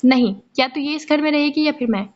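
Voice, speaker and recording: A woman's voice: high voice, natural voice. A woman voicing a wronged middle-aged mother and first wife who speaks bitterly, in a muffled lo-fi recording. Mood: furious.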